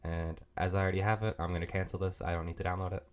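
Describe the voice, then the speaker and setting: This tutorial host has a low, rapid-fire voice with fairly even intonation, and he sounds sick. Seated at a home computer desk, he walks through coding steps casually and apologetically, talking as he clicks along.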